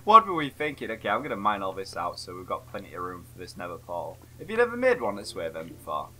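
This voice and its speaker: A man's voice: low voice, huge pitch swings, quick pace, pushed and bright, slight background noise. A man casually chatting while playing a video game, playful and giggly with sing-song outbursts. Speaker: co-host gamer. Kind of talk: casual gameplay chat.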